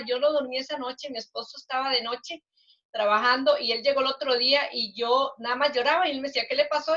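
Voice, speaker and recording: An older woman giving an earnest, halting testimony as an interview guest, with many restarts. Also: high-pitched, sharp tone. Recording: dull lo-fi recording.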